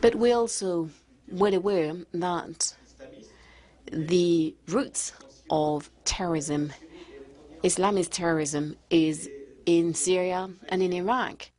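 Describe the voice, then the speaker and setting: A woman interpreter giving a simultaneous translation voice-over of a speech, in measured, halting phrases. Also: fairly low pitch, a little mellow.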